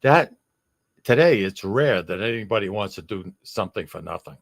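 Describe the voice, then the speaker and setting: A man's voice: fairly low pitch, lively intonation, moderate pace, vocal fry, no echo, clean studio sound. A man hosting a podcast, chatty and joking with his guest. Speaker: podcast host. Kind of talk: casual podcast interview.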